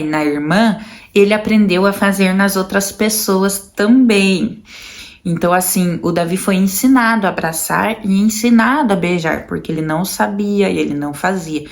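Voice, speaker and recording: A Brazilian woman speaks in a slightly low voice, addressing her viewers directly as a mother. She explains patiently and step by step, and often repeats simple examples so they sink in. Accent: Brazilian Portuguese. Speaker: mother sharing parenting experience. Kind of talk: casual explanatory monologue to viewers.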